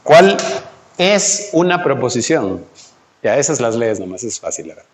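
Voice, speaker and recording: A man's voice: medium pitch, sing-song, unhurried. A man tutoring a student through logic exercises, patient and coaxing, asking many questions. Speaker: math tutor. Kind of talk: teaching logic exercises one-on-one.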